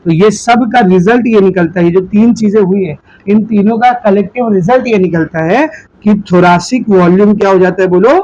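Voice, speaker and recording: A man's voice: high-pitched, normal speed, darkish tone, highs cut off. A male biology teacher giving a classroom lecture in a mix, asking questions and having the class answer back. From India. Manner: drills students with call-and-response questions.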